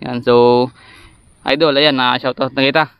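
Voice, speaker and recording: A man vlogging while fishing outdoors, chatting to viewers and breaking into excited bursts at each bite. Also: medium pitch, moderate pace, smooth, dry recording, dull audio. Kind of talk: casual fishing vlog narration. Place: outdoors by the water, rural.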